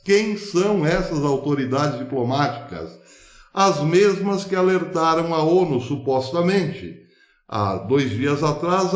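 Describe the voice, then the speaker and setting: A man's voice: on the high side, roomy sound. A man hosting a news commentary show, speaking emphatically and asking rhetorical questions. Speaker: host.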